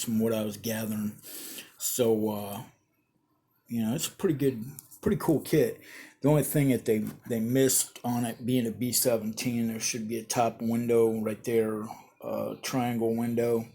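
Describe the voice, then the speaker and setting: A man's voice: fairly low pitch, fairly even intonation, a little slow, creaky, mellow. A man giving a rambling, casual update on his model build, full of fillers and restarts, tired and yawning.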